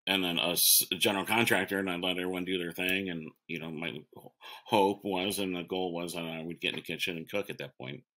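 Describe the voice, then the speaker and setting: A chef in his forties tells an interviewer about opening restaurants in a casual conversation. His very low voice is bright and forceful, a little fast, and he rambles, circles back and restarts sentences, using plenty of fillers.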